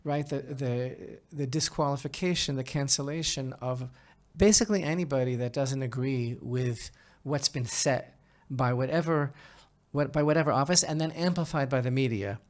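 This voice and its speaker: A medium-pitched man hosts a podcast, offering conversational opinion commentary. His delivery is halting and emphatic, with repeated phrases and frequent check-ins with the listener.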